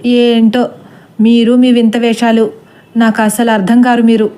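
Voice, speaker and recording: A woman's voice: on the high side, flat delivery, unhurried, mellow, lightly acted. A woman voicing a headstrong older woman who speaks sharply and dismissively in a storybook reading. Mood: scornful.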